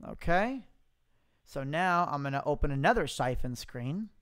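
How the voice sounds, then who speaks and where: A man presenting a software demo in a casual live tutorial, informally thinking aloud into a close mic with popping plosives. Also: on the high side, lively intonation, moderate pace, clear, resonant tone. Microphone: close mic without pop filter, popping plosives.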